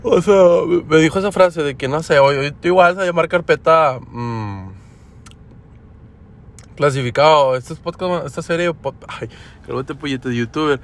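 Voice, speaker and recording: A man's voice: a little high, moderate pace, a bit bright. A young man with a Mexican accent talking casually for his podcast, rambling with lots of slang and fillers. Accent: Mexican Spanish. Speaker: podcast host. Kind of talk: casual everyday monologue. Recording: faint background noise.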